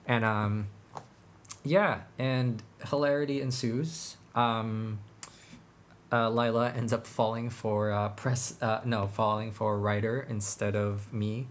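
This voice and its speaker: A man's voice: on the low side, steady tone, slow pace. A young man from the Philippines, co-hosting a podcast and answering interview questions in a hesitant, casual way with many ums and self-corrections. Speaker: podcast co-host and interview guest.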